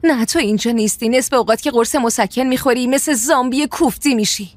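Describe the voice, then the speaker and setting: A woman's voice: a little high, a little mellow, dry recording, lightly acted. A woman dubbing a film role: a worn-down wife and mother, blunt and fed up, pressing with pointed questions. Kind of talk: dubbed film dialogue.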